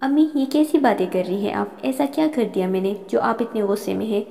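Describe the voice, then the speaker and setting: A woman voicing a young male doctor who teases and gently coaxes. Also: a little high, expressive, a little fast, creaky. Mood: defensive. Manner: teasing, gentle. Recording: long reverb.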